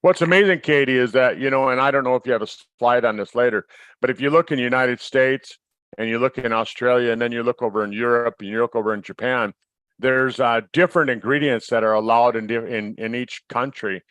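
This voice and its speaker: A man's voice: mid-range voice, a little fast, fairly bright tone, no echo. A man co-hosting a wellness webinar from home, talking in a casual, emphatic, rambling way that often repeats words. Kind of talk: casual chat.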